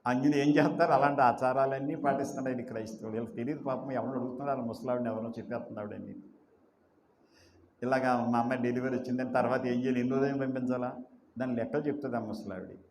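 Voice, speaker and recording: A man delivering a sermon, pressing his points with rhetorical questions and slow repeated phrases. His voice rings in a roomy, echoing space with a faint hum of noise behind him, at a middle pitch. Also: steady tone, darkish tone. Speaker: pastor.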